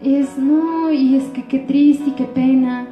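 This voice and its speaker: A woman's voice: sits high, fairly even intonation, takes it slowly, dark tone, roomy sound, soft background music. A woman pastor with an Ecuadorian accent giving a sermon, often asking the congregation rhetorical questions. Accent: Ecuadorian Spanish.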